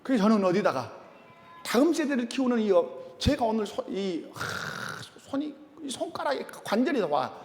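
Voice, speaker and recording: A man's voice: very high voice, brisk. A middle-aged man preaching a sermon in a church, calling out questions to the congregation. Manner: animated, calls out questions to congregation. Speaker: pastor. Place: church sanctuary. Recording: long church reverb.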